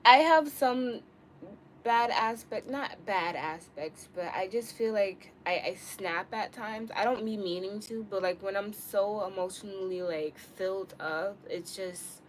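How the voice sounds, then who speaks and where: At a measured pace and medium pitch, a woman in her early twenties live-streams, chatting casually and candidly with viewers in slangy, off-the-cuff talk. Clear, noisy room ambience fills the recording.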